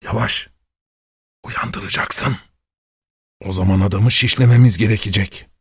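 Low husky hushed thief guy done by a man, slow and dry sounding. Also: steady tone, no echo, exaggerated voice. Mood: hushed urgent. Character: hushed gruff male burglar.

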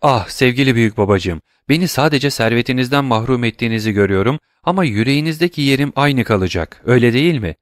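A man's voice: mid-range voice, expressive, fast talker, few pauses, no echo, studio quality, close to an everyday voice. A man voicing a tearful, devoted young granddaughter in an audiobook, earnest and pleading. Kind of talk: audiobook reading.

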